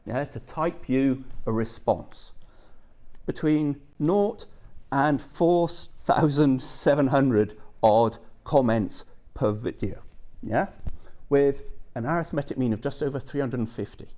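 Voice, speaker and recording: A middle-aged academic gives a conversational conference talk, frequently checking in with his audience through "okay" and "yeah." His mid-range voice is mellow and he takes things slowly.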